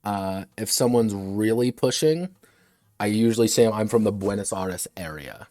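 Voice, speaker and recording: A man's voice: fairly low pitch, normal speed, dark tone, no echo, soft background music. A man who designs games, chatting casually on a livestream at his desk, wandering between asides and restarting his sentences. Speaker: game designer streaming a workshop.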